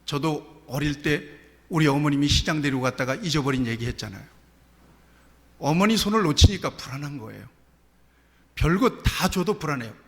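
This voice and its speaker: Male pastor, middle-aged: high, swinging voice, storytelling sermon. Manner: animated preaching with rhetorical questions and personal stories. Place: church sanctuary. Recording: long church hall reverb.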